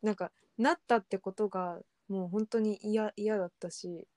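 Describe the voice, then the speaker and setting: A young woman co-hosting a podcast, talking candidly in casual chat, halting with many fillers. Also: medium pitch, steady tone, a little mellow, no echo. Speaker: podcast co-host.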